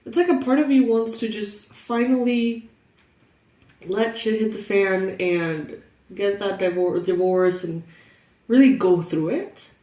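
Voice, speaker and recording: Stuffy-nosed young woman doing a chatty tarot reading, mellow voice, echoey room, mic kinda far. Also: medium pitch, unhurried. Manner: chatty, laughs often, says "like" a lot. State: congested, stuffy nose. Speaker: tarot reader.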